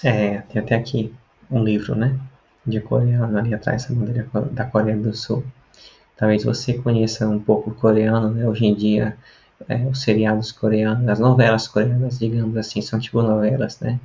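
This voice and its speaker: Male teacher, explanatory, keeps checking in; gravelly voice, lo-fi sound. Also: on the low side, flat delivery, moderate pace, mellow. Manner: explanatory, with frequent tag questions. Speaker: language teacher. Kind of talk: video lesson.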